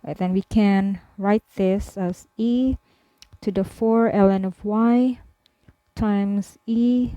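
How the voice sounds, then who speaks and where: A woman math tutor slowly talking through a worked problem step by step, with frequent fillers. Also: medium pitch, warm tone, dry recording, dull audio. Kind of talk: screen-recorded math lesson.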